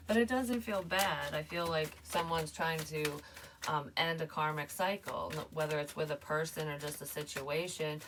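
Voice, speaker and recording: A woman's voice: sits low, far from the mic, background noise. A woman giving a casual tarot reading, talking in a chatty, rambling way full of fillers. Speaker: tarot reader.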